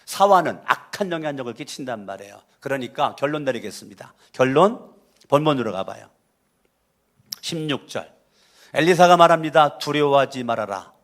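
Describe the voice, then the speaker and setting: Brief: male pastor from Chungcheong, punchy sermon delivery with call-and-response, voice sits a little high. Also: lively intonation, normal speed, a bit bright. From Chungcheong, Korea. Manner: emphatic, repetitive, calls for congregation responses. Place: church sanctuary.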